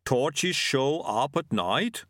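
A man voicing a huge, gentle male yeti who talks in slow, halting, broken phrases. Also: medium pitch, animated, no echo, clean studio sound, voice pushed up. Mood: dry.

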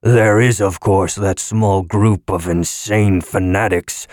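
A man voicing a pompous, weary eye-eating alien blob that talks in a slow, slurred intoning way. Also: low-pitched, steady tone, a little mellow, no echo, clean studio sound. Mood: musing.

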